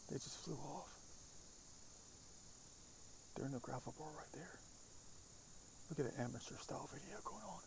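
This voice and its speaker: A man vlogging outdoors by the water, often whispering as he looks around, curious and hushed. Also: on the high side, noisy background. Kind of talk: hushed outdoor vlog narration.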